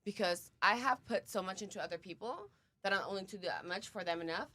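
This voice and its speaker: A woman's voice: medium pitch, fast talker, sharp tone. A woman in her thirties talking bluntly and at length in a casual podcast chat, swearing freely. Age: 30s.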